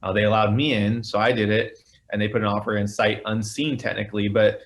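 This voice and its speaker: A man with a somewhat low voice speaks as a panelist. His delivery is casual and conversational, qualifying points as he goes. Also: flat delivery, brisk.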